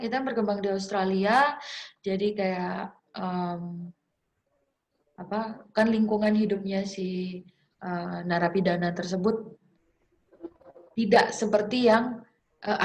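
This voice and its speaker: A woman's voice: mid-range voice, a little mellow. A young woman teacher gives an informal class lecture, talking in a chatty, encouraging way with many fillers and restarts. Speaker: English teacher.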